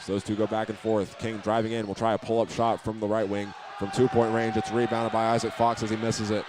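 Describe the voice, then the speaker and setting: In a high school gym, a man calls a basketball game live, narrating the play in short, plain phrases. His voice sits on the low side, with a level tone and a fairly quick pace. Crowd and court noise from the live recording fill the background.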